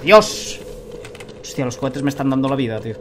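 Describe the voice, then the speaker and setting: A man's voice: medium pitch, fairly even intonation, racing. A man in his thirties with an accent from Spain, giving casual, colloquial commentary while gaming, muttering to himself and viewers. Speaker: let's play host. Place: indoor room at a computer, webcam view. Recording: noisy game sound behind voice.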